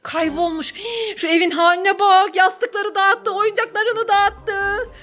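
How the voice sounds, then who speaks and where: A woman's voice: very high-pitched, steady tone, slow, sharp tone, faint music behind. A woman acting as a mother in a staged family skit at home, gasping and scolding as she talks to her child. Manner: exclamatory and scolding, with gasps.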